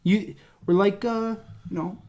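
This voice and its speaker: A man with a fairly high voice riffing through a casual podcast chat. He is jokey, laughs a lot and swears freely as he builds up absurd scenarios. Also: fairly even intonation, a little slow, darkish tone. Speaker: podcast co-host.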